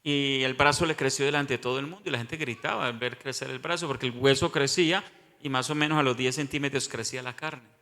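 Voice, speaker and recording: A man's voice: medium pitch, steady tone, quick pace, sharp tone, in a large hall. A male pastor, teaching a sermon and often asking the congregation questions.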